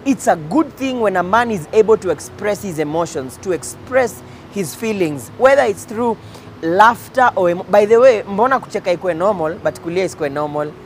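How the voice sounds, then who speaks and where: A man's voice: high voice, animated, a little fast, slight background noise. A Kenyan-accented man giving an informal, emphatic motivational talk, mixing English with Swahili slang and repeating phrases for effect. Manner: code-switches between English and Swahili slang. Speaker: host addressing men on faith and life.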